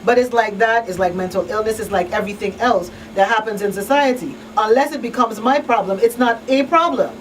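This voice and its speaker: Speaking a little fast with hardly any pauses, a woman with a slightly high voice runs a live call-in talk show. She's a host and crisis counselor whose emphatic, conversational style includes frequent "you know what I mean" check-ins. Faint background noise accompanies the distant-mic recording.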